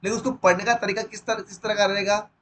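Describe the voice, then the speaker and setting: A man teaching a literature lesson line by line. He reads the English text slowly, then explains it quickly in Hindi. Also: high-pitched, little pitch movement, fairly bright tone, low-quality recording.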